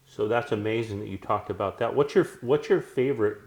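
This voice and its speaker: A man with a lowish voice hosts a laid-back interview. He puts friendly, casual questions to his guest. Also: brisk, darkish tone. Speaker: interviewer, host.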